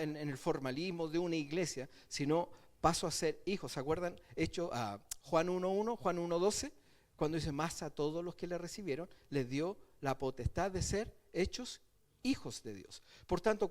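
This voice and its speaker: A man preaches a sermon to his church. His voice sits high for a man, and he talks in an easy conversational way, often asking the congregation whether they understand. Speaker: pastor.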